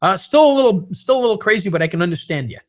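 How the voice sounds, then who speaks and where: A man hosting a live webinar, pitching a membership and answering viewer questions in a casual, upbeat way. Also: animated. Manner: casual, upbeat, with fillers and quick jokes. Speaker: webinar host.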